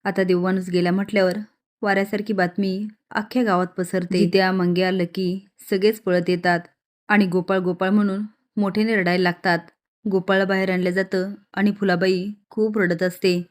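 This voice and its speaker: A woman narrating a recap of a TV serial episode in an even storytelling manner. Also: medium pitch, normal speed.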